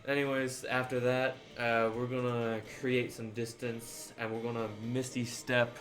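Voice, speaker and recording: A man's voice: mid-range voice, flat delivery, a little slow, a bit bright. A man plays a tabletop game in an ordinary mid-range voice, chatting and thinking aloud about the rules. Faint music runs behind him. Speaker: player. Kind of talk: casual tabletop play.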